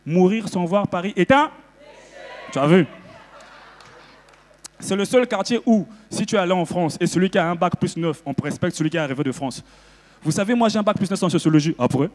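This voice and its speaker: A man from Congo doing stand-up comedy on a festival stage, animated and breaking into loud shouted character bits. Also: high-pitched, quick pace, long reverb tail. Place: festival stage before a live audience.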